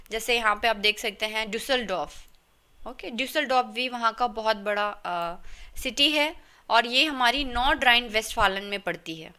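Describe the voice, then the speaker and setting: A woman with an Indian accent teaching German in Hindi, her voice sitting a little high and sounding clear and bright. She explains patiently, keeps asking "okay?", and spells words out letter by letter. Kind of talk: explaining a lesson in Hindi and English.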